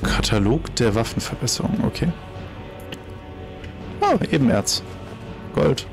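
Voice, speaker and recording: A man's voice: medium pitch, wildly swooping pitch, unhurried, vocal fry, faint music behind. A German man giving casual let's play commentary, chatty and thinking aloud, exclaiming over loot as he finds it.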